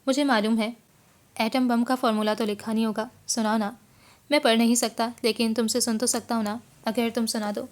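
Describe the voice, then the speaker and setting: A playful young husband who coaxes and teases his shy wife, read aloud by a woman narrator. The storybook voice sits a little high and is read with gentle, friendly pushing. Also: level tone, fairly quick, lightly acted. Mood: coaxing, teasing. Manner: playful, coaxing. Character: young man, teasing and curious husband. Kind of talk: audiobook dialogue reading.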